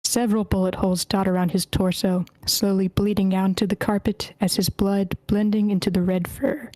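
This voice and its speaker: A woman reads scene directions aloud at a script table read, at a steady pace. She sometimes trips over character names. Her voice sits at a middle pitch and stays flat and even, recorded close and dry. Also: normal speed, no room sound. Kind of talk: reading screenplay action lines aloud. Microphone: computer mic in an online meeting.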